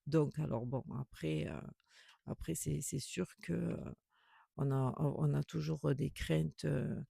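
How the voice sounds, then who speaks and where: A man's voice: on the high side, fairly even intonation, a little slow, gravelly, mellow, slightly rough, no room sound, clean studio sound. A man giving a tarot reading to a viewer, reassuring and repetitive, with many fillers and restarts. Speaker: tarot reader.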